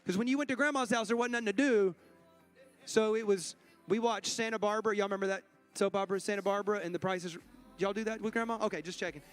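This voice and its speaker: A high-voiced pastor runs a raffle from the church stage and jokes with the congregation. He speaks into a stage microphone, and faint music plays in the church behind him. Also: fairly even intonation, fast talker. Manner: playful, joking with the congregation. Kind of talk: church service announcements and raffle.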